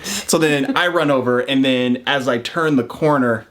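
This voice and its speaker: Young guy vlogger, super animated storytelling, does all the voices higher. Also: moderate pace. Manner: excitable, acts out quotes in raised voice. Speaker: vlogger, new father.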